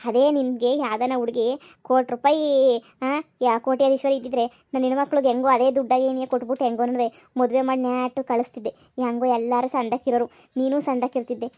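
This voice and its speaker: A woman playing a scolding, sharp-tongued village mother in a comedy skit. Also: high-pitched, little pitch movement, close to an everyday voice. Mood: blaming. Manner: scolding, fast rustic nagging.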